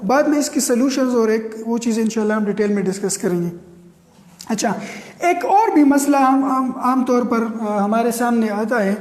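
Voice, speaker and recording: A man's voice: very high voice, expressive, a little mellow. A man teaching English pronunciation in a classroom lecture, repeating words and asking the class rhetorical questions. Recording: echoey room with long reverb.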